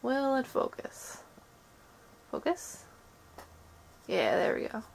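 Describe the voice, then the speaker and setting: Stuffy-nosed, creaky woman, sick at home. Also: high voice, huge pitch swings, takes it slowly, slight background noise. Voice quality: stuffy, congested nose. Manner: rambling, soft-hearted talk to pets and objects. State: sick with sore throat. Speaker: vlogger. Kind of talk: casual chat to camera, sick day vlog. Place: at home in a bedroom.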